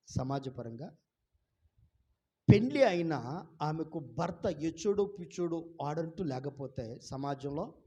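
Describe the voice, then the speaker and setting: A male pastor preaching a sermon to a congregation. He keeps putting questions to the listeners and urges them to call out their answers loudly. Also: on the high side, husky. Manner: fires rhetorical questions at the congregation. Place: church before a congregation.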